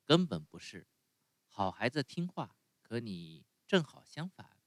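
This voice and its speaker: A man voicing a gentle, motherly fairy woman in a calm, soft way of speaking. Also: mid-range voice, unhurried, no echo.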